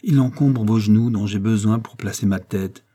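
A man's voice: fairly low pitch, moderate pace, mellow, natural voice. Man reading as a doting young woman. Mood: tender coaxing. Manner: tender, coaxing, playful. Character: affectionate young woman doting on her mother.

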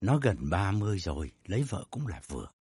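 A man voicing a calm, measured father. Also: sits low, husky, no echo, studio quality, full character voice. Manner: measured, unhurried advice.

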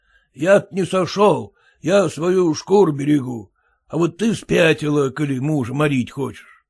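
A man's voice: a little high, a little slow, gravelly, a little mellow, breathy edge, full character voice. A man voicing a fussy, self-important merchant husband who lectures and grumbles. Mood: grumbling. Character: pompous fussy merchant husband, fearful of typhus.

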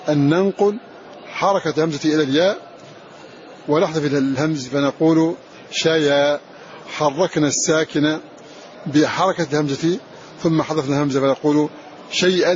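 A man teaching a lesson on Quran recitation rules. He says each example word slowly and more than once. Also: fairly high pitch, darkish tone. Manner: repeats example words slowly and deliberately, drawing them out. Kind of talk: recorded lesson explaining a recitation poem. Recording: dull lo-fi recording with faint hiss.

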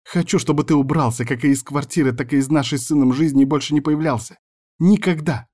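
Audiobook character: a scornful young woman who snaps angry retorts, pitched high and read by a male narrator. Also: quick pace, darkish tone, lightly acted. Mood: furious. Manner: snapping, hostile retorts. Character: furious young woman, scornful and sharp-tongued.

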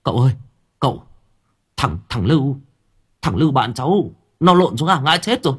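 A man voicing a frightened young village man who stammers and speaks with agitation, in a husky voice. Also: mid-range voice, big pitch swings, normal speed, voice pushed up. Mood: panicked.

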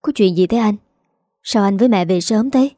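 A nervous middle-aged wife who speaks flustered and alarmed, as a woman reads her part. Her voice is warm and mellow at a middle pitch, recorded dry and close. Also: moderate pace, dry recording, natural voice. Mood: puzzled. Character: anxious middle-aged daughter-in-law, easily frightened.

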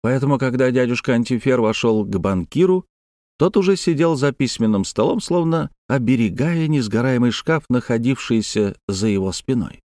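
A man reading a novel aloud as audiobook narration, measured and expressive. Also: medium pitch, no room sound, clean studio sound. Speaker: audiobook reader. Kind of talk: scripted narration.

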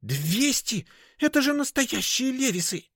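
Man doing a hissing middle-aged woman dealer, hushed whisper, high pitch, snappish and nervous, dry close sound. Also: big pitch swings, a little slow, husky, no room sound, full character voice. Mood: nervous snapping. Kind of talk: audiobook character voice.

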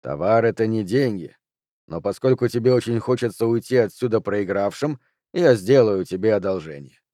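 Man voicing a calm card sharp, low pitch, quiet, cold, measured, dark tone. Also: no echo, clean studio sound, lightly acted. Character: cool, unflappable male card sharp. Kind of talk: audiobook character reading.

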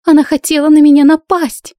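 A spiteful young woman, put on by a female reader, shrieks her theatrical accusations in a storybook reading. The voice jumps well above the reader's own pitch and comes out loud and melodramatic. The recording is dry and close, with a mellow tone. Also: moderate pace, dry recording, lightly acted. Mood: shrieking.

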